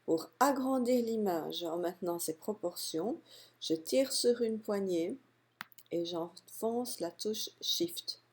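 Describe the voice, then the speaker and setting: A woman calmly walking through a software tutorial step by step, narrating her clicks. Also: medium pitch, slightly rough. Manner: calm step-by-step explaining, unhurried. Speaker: software instructor. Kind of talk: screen-recorded software tutorial.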